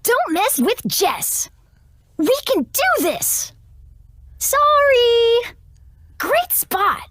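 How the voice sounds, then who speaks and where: A woman's voice: very high voice, very animated, extremely slow, fairly bright tone, no room sound, studio quality, heavily acted. A woman voicing a plucky, confident young tinkerer girl in a video game, with a perky can-do delivery. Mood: confident, cheerful. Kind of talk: video game character catchphrases.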